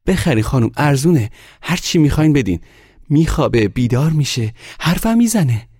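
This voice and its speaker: A man's voice: a little high, very animated, a little mellow, slightly rough, dry recording, studio quality, pitched above the performer's own voice. A man voicing a poor young boy who hawks a doll in the snow, eager and pleading. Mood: pleading hawking. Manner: pleading, eager street hawking. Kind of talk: audiobook character voice.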